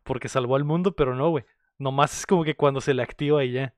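Mexican dude talking movies, lots of slang and cussing, dry close sound. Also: male voice, medium pitch, steady tone, fast talker, no echo. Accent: Mexican Spanish. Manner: slangy, swears a lot. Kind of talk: casual chat.

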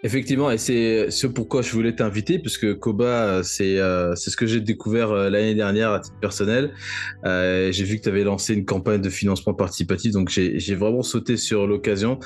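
A man hosting a podcast interview, enthusiastic and often pausing on fillers. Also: fairly low pitch, fairly even intonation, faint music behind. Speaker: podcast host.

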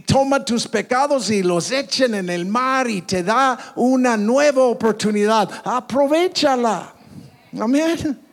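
Male pastor, high voice, unhurried animated sermon, frequent amens. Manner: animated preaching with frequent call-outs of amen; stumbles and restarts words, laughs at own slips.

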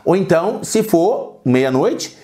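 A man hosting a podcast language lesson, chatty and patient, repeating examples slowly. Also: high-pitched, big pitch swings, mellow. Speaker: English teacher and podcast host.

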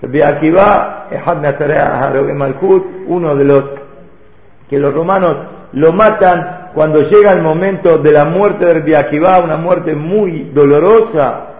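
Speaking at a measured pace, a male Torah teacher with a high voice leads a live audience in a hall through a religious lesson built on stories and rhetorical questions. Echo fills the room, and the audio is lo-fi and thin, like a phone.

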